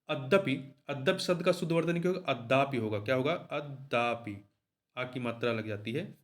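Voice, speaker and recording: A man with a somewhat high voice walks through exam answers one by one. He explains each answer, then asks it back as a question and repeats it. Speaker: Hindi exam tutor.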